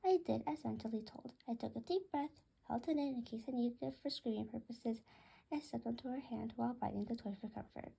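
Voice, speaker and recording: A woman reading a children's story aloud in first person, with a gentle, even storytelling manner. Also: a little high, fairly quick, vocal fry, husky.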